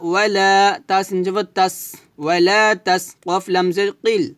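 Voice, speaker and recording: Man teaching recitation syllable by syllable; high, clear voice, dry close sound. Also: level tone, a bit bright, dry recording. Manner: spells syllables slowly, then recites drawn-out Arabic. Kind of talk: spelling out Arabic recitation lesson.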